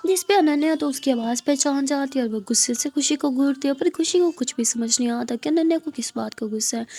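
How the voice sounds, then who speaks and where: A woman storyteller reading a serialized romance story aloud, steady and conversational. Her voice is high-pitched yet mellow and dark in tone.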